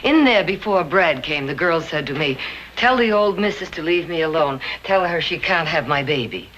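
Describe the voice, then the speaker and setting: A woman's voice: deep voice, expressive, normal speed, a bit bright, slight background noise, low-quality recording. An actress playing an earnest, compassionate woman lawyer who talks persuasively. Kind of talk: 1950s television drama acting.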